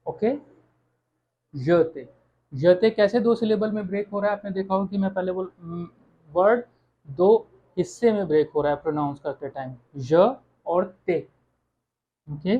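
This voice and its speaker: A French teacher giving an online lesson, speaking slowly and checking in with "okay" after each point. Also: medium pitch, lo-fi sound. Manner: slow, repeats words, says "okay" often.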